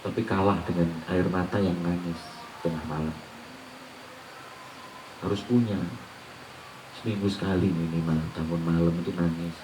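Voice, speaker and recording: A man's voice: sits low, fairly even intonation, moderate pace, long pauses, distant mic, noisy background. A man giving an Islamic sermon, quoting Arabic recitations and asking the listeners rhetorical questions. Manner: mixes Arabic recitation with colloquial teaching, asks rhetorical questions. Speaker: preacher. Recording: roomy echo, voice off-mic.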